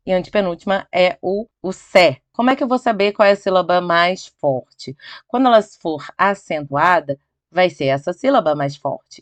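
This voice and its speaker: A middle-aged Brazilian woman teaching Portuguese grammar over slides, checking in often with her viewers and drawing out key words slowly for emphasis. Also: fairly low pitch, dry recording. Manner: chatty, checks in with "tá?" and "ok?".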